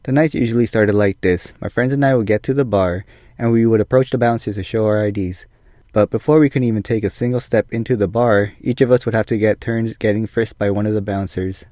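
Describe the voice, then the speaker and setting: A man's voice: lowish voice, fairly even intonation, fairly quick, mellow, no echo, clean studio sound. A man narrating a scripted personal story as a video storyteller.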